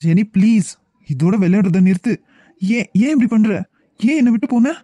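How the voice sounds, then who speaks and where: A man's voice: high-pitched, lively intonation, moderate pace, dark tone, dry recording. A man voicing a distraught young man in a cartoon, pleading and stammering, with a Kanyakumari Tamil accent. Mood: desperate pleading. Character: distraught young man clinging to a lost love. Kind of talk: cartoon web series dubbing.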